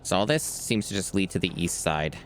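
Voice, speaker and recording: A man's voice: low-pitched, fairly quick, slight background noise. A man streaming a video game, chatting casually and easily as he plays. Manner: relaxed, easygoing. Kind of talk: casual gameplay chat.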